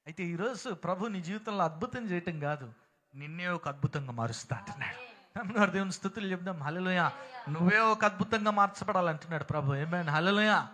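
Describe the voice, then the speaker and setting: Male pastor with a Telugu accent, high, bright voice, emphatic sermon delivery with call-and-response. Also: animated, fast. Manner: emphatic, calls out to congregation for responses. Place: prayer hall.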